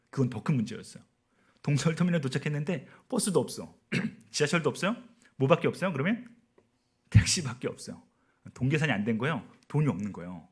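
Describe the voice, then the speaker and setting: A man's voice: on the high side, a little mellow, breathy edge. A man in his forties, a missionary telling a personal story in a sermon and often asking the audience questions. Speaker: missionary preacher. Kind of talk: sermon at a prayer meeting.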